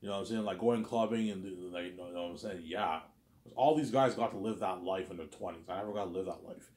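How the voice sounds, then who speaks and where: This vlogger, a man in his thirties, speaks at a quick pace in a low, darkish voice, his casual monologue to viewers full of repetition and stumbles. The recording is reverberant.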